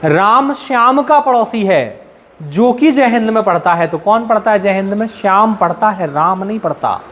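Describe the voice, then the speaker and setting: High-voiced male teacher quizzing his class. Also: animated, normal speed, a bit bright, lo-fi sound. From central India. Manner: keeps asking the class questions; explains step by step with everyday examples. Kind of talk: classroom lecture.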